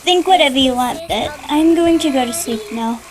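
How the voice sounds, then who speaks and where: A woman's voice: high voice, moderate pace, crowd noise, close to an everyday voice, rough recording. Knowing big sister in a cartoon, voiced by a woman. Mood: explaining. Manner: explaining, gently teaching, a little impatient. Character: patient knowing older sister, explains things. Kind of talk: dubbed cartoon dialogue.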